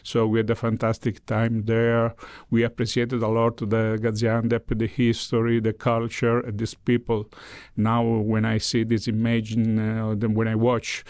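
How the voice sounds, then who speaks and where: A man's voice: fairly low pitch, completely flat delivery, unhurried, a little mellow, smooth, dry recording, clean studio sound. A man who speaks English as a second language, answering in an interview, searching for words and repeating them for emphasis. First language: not English. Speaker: interviewee, representative of a cultural foundation.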